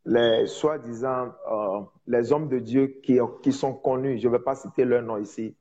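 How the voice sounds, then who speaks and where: Male evangelist, non-native French speaker with foreign accent; mellow, emphatic and repetitive delivery, dull recording. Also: mid-range voice, steady tone. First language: not French, speaks it as a second language. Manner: emphatic repetition, halting word searches. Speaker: preacher, prophet. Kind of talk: informal evangelistic teaching.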